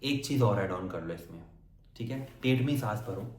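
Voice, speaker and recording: A man's voice: on the low side, animated, fairly quick. Man coaching actors in an echoey room. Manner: direct, repetitive, checks in with the viewer. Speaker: acting coach. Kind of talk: casual motivational lesson.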